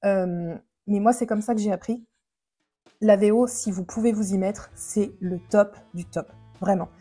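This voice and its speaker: A woman's voice: medium pitch, a little slow, dark tone, soft background music. A woman vlogger answering viewer questions in a chatty, slangy way, often laughing. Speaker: lifestyle vlogger. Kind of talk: casual Q&A chat to camera.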